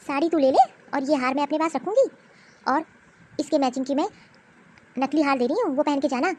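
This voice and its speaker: A woman's voice: sits high, lively intonation, a little fast, darkish tone, a little hiss or hum. A woman voicing a domineering older mother-in-law in a cartoon, with a harsh, taunting, commanding manner. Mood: scolding. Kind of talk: cartoon voice acting.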